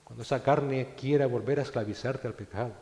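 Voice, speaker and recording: A man preaching a sermon as pastor, swinging between loud exhortation and hushed, low phrases. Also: steady tone, fairly quick. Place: church hall. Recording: echoey church hall with long reverb.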